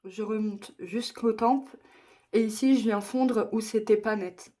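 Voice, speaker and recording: Slightly slow and warm, her voice sits on the high side. The young woman is a beauty vlogger explaining every step of a makeup tutorial while poking fun at herself.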